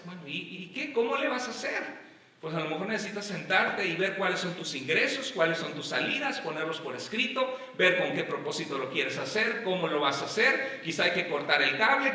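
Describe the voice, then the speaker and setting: A man preaching a sermon as pastor, animated, acting out little dialogues and firing questions at the congregation. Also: high voice. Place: church sanctuary. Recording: roomy church hall, distant mic.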